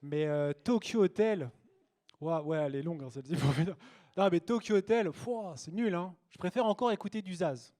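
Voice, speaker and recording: A man's voice: high-pitched, normal speed, dark tone. Cheeky young man doing stand-up. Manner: cheeky, chatty, loose delivery with fillers. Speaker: stand-up comedian. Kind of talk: stand-up routine. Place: small cabaret stage with a live audience.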